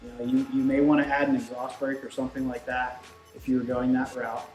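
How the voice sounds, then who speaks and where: Man, medium pitch, casual technical explainer, conversational, echoey room, machine noise and light music behind. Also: little pitch movement, a little fast, a little mellow. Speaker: turbo shop product expert and presenter. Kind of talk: casual technical shop talk. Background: shop machines running in the background.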